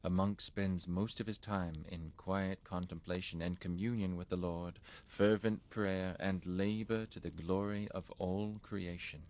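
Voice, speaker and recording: A man playing a solemn, devout medieval monk in a video game, speaking in a measured, instructive way. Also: sits low, steady tone, a little mellow.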